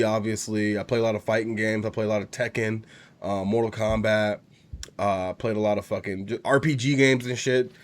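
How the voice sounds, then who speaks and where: A young man with a cold and a congested voice, ranting casually about gaming in a profane, rambling, heated way. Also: mid-range voice. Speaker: gaming channel host. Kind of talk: casual rant to camera.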